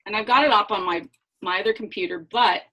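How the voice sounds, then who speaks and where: A woman's voice: mid-range voice, fast talker, pushed and bright, husky, muffled recording. A woman talking to her team over a computer microphone in a casual live presentation. Her voice sits in an ordinary middle register. She is flustered and apologetic, muttering curses, yet chatty, informal and encouraging. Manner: flustered, apologetic, swears under her breath. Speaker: team leader presenting a sales training.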